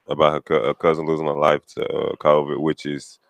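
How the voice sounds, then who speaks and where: A man's voice: very deep voice, completely flat delivery, a little fast, vocal fry, no echo. A man co-hosting a podcast, chatting casually in informal, slangy language. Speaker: podcast co-host. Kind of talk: casual banter.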